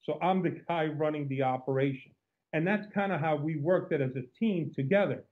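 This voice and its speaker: A former undercover agent from Cuba talks fairly quickly in a slightly high voice with a Cuban accent. As an interview guest on a tinny, phone-like line, he's outgoing and full of stories, frequently restarting as he goes.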